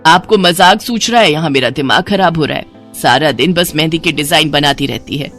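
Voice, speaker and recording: A woman voicing a quick-tempered middle-aged mother who nags and scolds. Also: deep voice, fairly bright tone, faint music behind. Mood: exasperated, scolding. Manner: nagging, exasperated.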